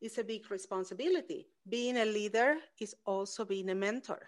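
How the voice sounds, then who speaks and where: A woman's voice: medium pitch, moderate pace. A woman hosting an interview, English is not her first language, speaking in an earnest, reflective way. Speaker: host. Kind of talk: interview conversation.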